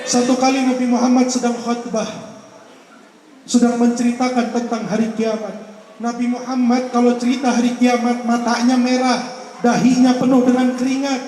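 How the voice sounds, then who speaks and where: A man's voice: very high voice, flat delivery, moderate pace, a little hiss or hum. A man preaching a religious sermon to a crowd at an outdoor park gathering, joking in colloquial banter and slipping into chanted prayer. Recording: echoey loudspeaker sound from far off.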